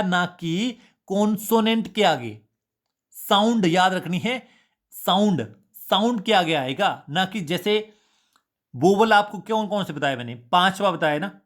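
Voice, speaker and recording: A man's voice: high-pitched, a bit bright. A man teaching an exam-prep grammar lesson, drilling students with repeated questions and answers.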